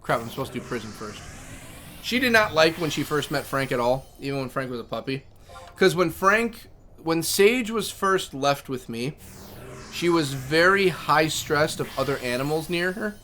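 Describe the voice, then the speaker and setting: A man's voice: on the high side, expressive, normal speed, sharp tone, a little hiss or hum. A man streaming a game, chatting casually and telling stories about his pets between game moves. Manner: chatty, storytelling, reads chat aloud. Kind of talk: casual livestream chat.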